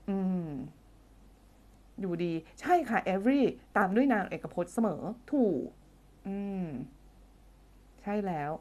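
Slow, playful woman teaching grammar live. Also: medium pitch, dark tone. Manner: chatty, playful, laughs often, thinks aloud with drawn-out hums. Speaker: English teacher. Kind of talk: live-stream grammar lesson reading viewer comments. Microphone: phone or desk mic for a live stream.

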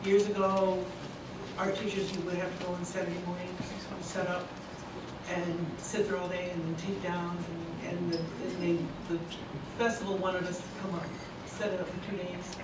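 A woman's voice: fairly low pitch, flat delivery. Woman announcing names in an echoey hall. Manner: halting, reads names slowly with pauses. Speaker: presenter of art awards. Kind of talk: announcing names at a public meeting. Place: large indoor board meeting room. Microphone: far room camera. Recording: echoey hall, distant camera, room noise.

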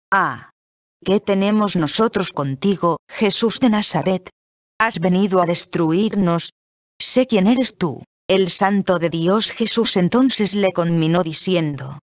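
A reader, giving a measured, solemn scripture reading. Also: medium pitch, no echo. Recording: dull lo-fi dry recording.

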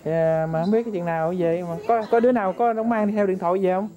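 Woman visiting family, warm low-key tone, keeps asking questions. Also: quick pace, dull audio. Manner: polite, chatty, asks many questions. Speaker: visiting relative. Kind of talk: casual family chat.

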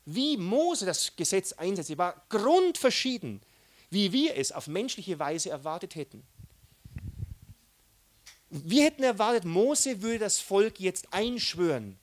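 Animated preacher man. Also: high voice, slow pace. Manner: animated, mixing loud outbursts with soft asides. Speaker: pastor. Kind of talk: sermon.

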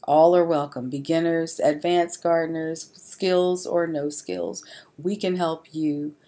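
A woman's voice: low voice, slow pace, warm tone. A woman narrating a slide presentation in an informal way, with frequent fillers and restarts. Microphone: voice-over on slides.

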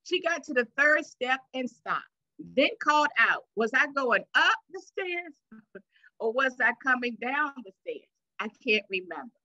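A woman's voice: sits high, big pitch swings, a little slow, sharp tone, no room sound. Woman pastor, sermon, scripture reading, stretched words, dull dry sound. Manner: call-and-response preaching, stretches words for emphasis. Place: church sanctuary.

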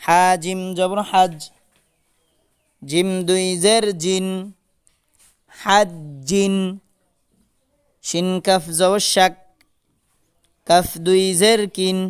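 A man's voice: high voice, fairly even intonation, very slow, long pauses, clear, resonant tone. A man teaching Quran reading, spelling out each letter and vowel mark and then chanting the joined syllable drawn out, with short rule explanations between drills. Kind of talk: slow spelled-out Quran recitation lesson.

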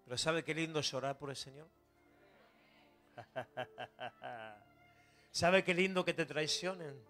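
A man with a Rioplatense accent preaching a sermon to a church congregation, moving between quiet asides and shouted exhortation, joking and coaxing the listeners. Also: a little high, fairly quick, soft background music. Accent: Rioplatense Spanish. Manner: jokes and coaxes the congregation. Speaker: pastor.

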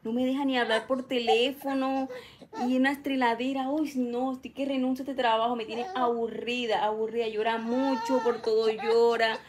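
A woman's voice: a little high, little pitch movement, normal speed, crowd noise, lightly acted. A woman playing a careless nanny who complains and brushes off the children in an amateur skit. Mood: complaining. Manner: dismissive, complaining. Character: lazy, careless nanny on the phone.

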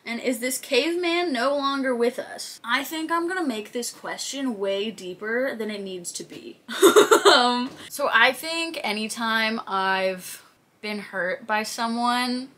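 Speaking slowly in a slightly high, somewhat bright voice, a woman in her twenties chats to camera about viewer questions. She's a fitness content creator, seated in a small plain room, and she acts out the stories she shares.

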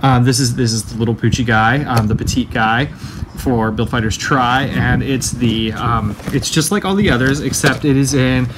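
A man casually showing off a haul from an apartment room, talking in a relaxed way with many ums and fillers. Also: mid-range voice, normal speed, very noisy. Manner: relaxed, many ums, enthusiastic about collectibles. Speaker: co-host showing a merchandise haul. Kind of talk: casual chat. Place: one-bedroom rented apartment, indoors.

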